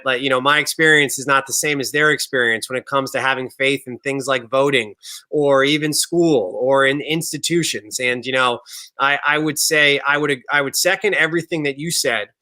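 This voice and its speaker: A man's voice: medium pitch, bright, forceful tone. A man hosting a virtual town hall, speaking earnestly with many restarts and fillers. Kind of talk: casual panel talk.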